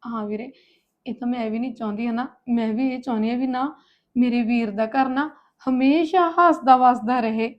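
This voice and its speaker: A meek, high-voiced Punjabi sister, played by a woman, pleading and tearful with her brother. The recording is muffled and lo-fi. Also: fairly quick, natural voice. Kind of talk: comic family drama acting.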